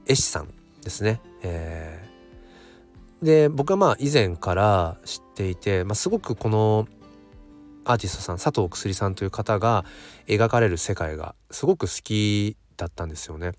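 A man with a hoarse voice hosts a casual solo audio channel, thinking aloud in a hesitant way. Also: on the low side, darkish tone. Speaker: host of a daily audio channel.

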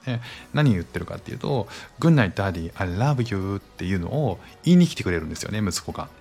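Male podcast host, thirties, low gravelly voice, easygoing rambling delivery full of fillers. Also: fast, faint music behind. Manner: rambling, relaxed storytelling with many fillers. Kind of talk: casual solo podcast chat.

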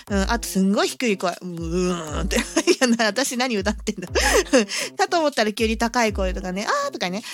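A woman hosting a casual solo audio talk, chatty and laughing often as she tells a story. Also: a little high. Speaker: podcast host and hobby musician.

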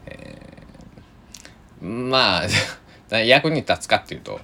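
A man's voice: on the low side, very animated, very slow, creaky, pushed and bright. A man hosting a solo podcast, talking in a rambling, hesitant, chatty way with a trace of Tosa dialect. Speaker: podcast host.

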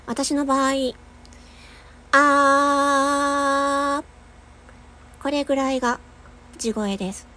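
Chatting through a relaxed voice lesson, this voice-training podcaster, a young woman with a nasal voice, laughs a lot and shows off long held tones. Her voice sits high and a bit bright, at a normal pace.

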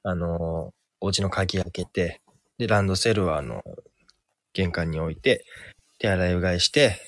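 A man telling an invented ghost story on a podcast, slow and suspenseful, with dramatic pauses and many fillers. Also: deep voice, fairly bright tone, no echo, studio quality. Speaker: podcast co-host.

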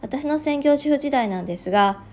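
Soft-spoken Japanese working mom podcaster. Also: female voice, high voice, lively intonation, a little fast, faint music behind. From regional Japan. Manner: soft-spoken, reflective, with frequent fillers. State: just woken up, slightly slow-tongued. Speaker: podcast host, working mother. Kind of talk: casual solo podcast talk.

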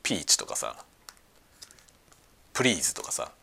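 A man hosting a casual podcast chat, talking excitedly at home while he cooks and eats lunch. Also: extremely low pitch, moderate pace, creaky, slightly rough. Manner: excited, talkative. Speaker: podcast host. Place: at home, cooking and eating lunch.

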